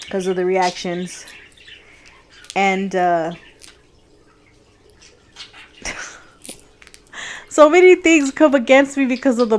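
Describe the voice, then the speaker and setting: Earnest woman vlogger, soft and heartfelt. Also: mid-range voice, slight background noise. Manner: earnest, heartfelt, softly reflective with bursts of laughter. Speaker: vlogger sharing a faith journey. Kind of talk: personal vlog talk.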